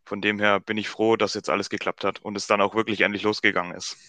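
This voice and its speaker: Guest, man in his twenties, low flat voice, bright and smooth, dry. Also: quick pace, dry recording. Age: 20s. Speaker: podcast guest. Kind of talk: casual podcast chat.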